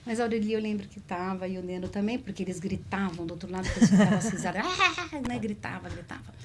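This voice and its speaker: A woman telling a personal story in a conversation, in a lively, emotional way. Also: medium pitch, fast, a crowd in the background. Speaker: spiritist speaker.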